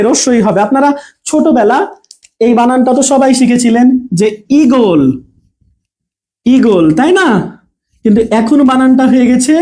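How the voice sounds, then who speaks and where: A male teacher runs a spelling and pronunciation class with a mellow, dark tone. He checks in with the class again and again and answers his own questions. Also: very high voice. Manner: explains patiently, asks the class questions and answers them. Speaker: Bangla teacher. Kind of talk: online class lesson reading viewer comments.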